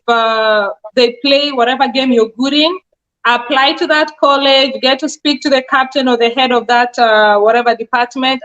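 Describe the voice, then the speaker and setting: A Kenyan woman in her forties, a nurse practitioner, answers interview questions in a Kenyan accent with a high-pitched, slightly bright voice. She is earnest and explanatory, using lots of fillers. The recording sounds dull and lo-fi.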